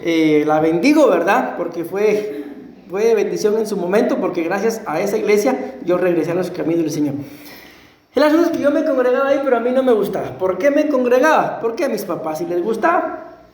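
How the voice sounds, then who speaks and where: A Costa Rican man preaching as a pastor, telling his own testimony in a conversational way, often clearing his throat and asking the congregation questions. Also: high voice, lively intonation, brisk, a little mellow. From Costa Rica. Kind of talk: sermon with personal testimony. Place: church sanctuary. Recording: echoey church room.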